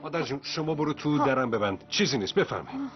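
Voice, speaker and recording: Brief: an actor as an apologetic young man, mid voice with lively pitch, dull lo-fi sound with music. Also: lightly acted. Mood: tense. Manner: placating. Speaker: son of the household. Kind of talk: dubbed TV drama.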